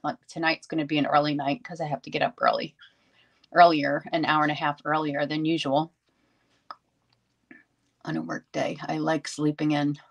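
A woman's voice: deep voice, flat delivery, moderate pace, vocal fry, long pauses, muffled recording. Chatty middle-aged woman livestream host. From New York, US. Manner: chatty, rambling, greets viewers by name. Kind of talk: casual live-stream chat.

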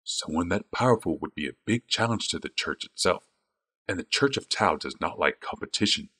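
A man voicing a calm old wizard. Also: deep voice, breathy edge, exaggerated voice. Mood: explaining. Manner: calm, measured.

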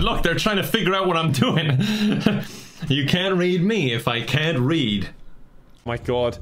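A man doing deadpan, self-mocking comedic commentary over video games. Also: fairly high pitch. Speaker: gaming YouTuber.

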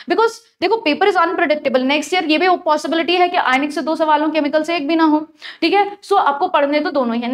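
High-voiced woman teaching chemistry. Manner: explains step by step, mixes English terms into Hindi. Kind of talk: exam-prep lecture.

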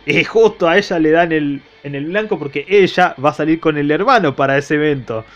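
A man's voice: a little high, fairly quick. A young man with an Argentine accent giving a casual spoken review of a manga, irreverent and slangy and swearing freely. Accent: Argentine Spanish. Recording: dull lo-fi recording.

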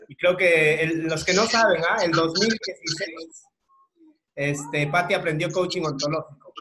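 A man's voice: a little high, moderate pace, reverberant, crowd noise. A man leads a coaching workshop in a rambling, conversational way, with many tag questions and filler words. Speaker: emotional coach leading a workshop. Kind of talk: conversational group talk.

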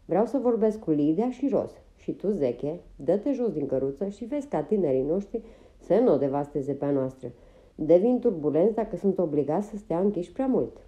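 A woman's voice: on the low side, expressive, mellow, dull audio, natural voice. A woman voicing a blunt, motherly older woman of a wagon train, firm and commanding, in an audiobook.

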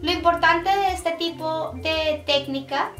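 A woman's voice: very high voice, slow pace, a bit bright. A young woman hosting a casual makeup tutorial, chatty and explaining step by step with lots of diminutives. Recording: echoey room, a bit distant, faint music.

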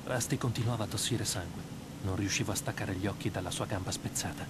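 An actor voicing a tense male writer narrating his own nightmare in a dubbed video game. His voice sits low and grave, the delivery measured like a storyteller's. A clear hiss of game noise sits behind him. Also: natural voice. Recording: game audio with background noise.

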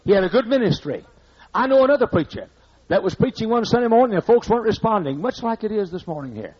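An older pastor preaches in a church sanctuary, blunt and conversational, scolding the congregation through asides. His high-pitched voice is expressive and slightly rough, and he talks fast, heard on a muffled old recording.

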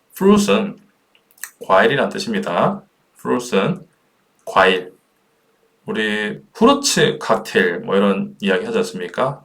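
A middle-aged man leads a beginner English lesson, slowly and patiently drilling each word for listeners to repeat. His voice sits on the low side, and he stretches the words out without hurrying. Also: a bit bright. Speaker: English teacher.

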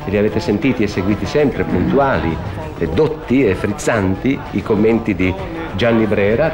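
Male sports host, lowish pitch, formal broadcast delivery with prominent music. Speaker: sports programme presenter. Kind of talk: formal presenter sign-off.

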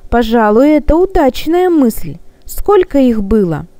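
A woman's voice: high-pitched, big pitch swings, unhurried, dark tone, no echo. A woman voicing a kindly old male gnome who speaks gallantly and soothingly.

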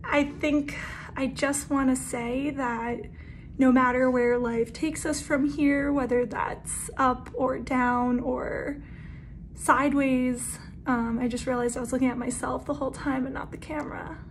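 Woman, high pitch, slow and heartfelt, faint room hiss behind. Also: steady tone. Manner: earnest, emotional, slightly self-conscious. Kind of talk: heartfelt birthday video message.

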